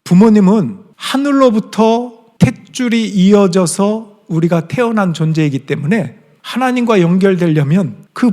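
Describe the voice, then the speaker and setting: Earnest middle-aged pastor in a ringing hall. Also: male voice, a little high, warm tone. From Chungcheong, South Korea. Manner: earnest, conversational preaching with direct questions to the congregation. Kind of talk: sermon. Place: large church sanctuary. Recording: reverberant church hall.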